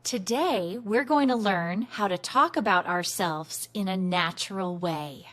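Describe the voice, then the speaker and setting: A woman teaches a scripted beginner English lesson, speaking clearly, patiently and encouragingly. Her mid-range voice is fairly bright, and her pace is a little slow.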